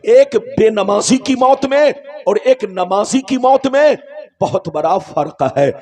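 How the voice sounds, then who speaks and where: A male preacher with a high, ringing voice declaims a sermon in hammering refrains. He rouses his listeners, breaking into shouts and chanted phrases. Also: lively intonation. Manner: declamatory, repetitive, crowd-rousing, bursts into shouts and chant. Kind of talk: Urdu religious sermon.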